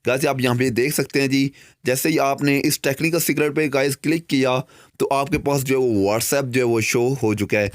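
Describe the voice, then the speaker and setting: A man's voice: medium pitch, fairly even intonation, normal speed, dry recording, clean studio sound. A young man with a Pakistani Urdu accent hosting a tech tutorial, talking through phone steps and saying "guys" again and again. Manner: repeats "guys" constantly, loose and chatty. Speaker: tech channel host. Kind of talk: screen-recorded tutorial narration.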